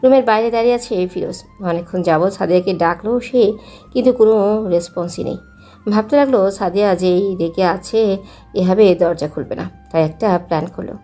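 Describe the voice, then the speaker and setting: Young woman narrator, mellow timbre, steady story reading. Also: medium pitch, moderate pace, soft background music.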